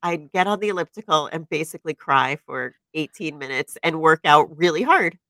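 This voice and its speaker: A woman in her forties co-hosting a podcast, telling stories in an animated, casual way and laughing often. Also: low-pitched, normal speed, dry recording. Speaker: podcast co-host. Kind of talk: casual chat. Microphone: podcast microphone.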